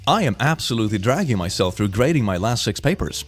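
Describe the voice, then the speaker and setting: A playful man reacting to comics, his voice swinging lively up and down. He talks in a bubbly, chatty way while quiet music plays underneath. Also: on the low side, quick pace. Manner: bubbly, playful, breaks into laughter. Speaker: host. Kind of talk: reacting to and reading comics aloud.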